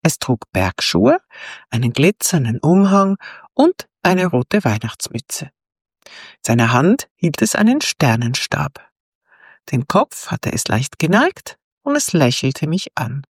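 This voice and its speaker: Low-voiced woman reading a story. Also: sing-song, slow, husky, no room sound, studio quality. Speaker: narrator. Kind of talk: first-person storytelling narration.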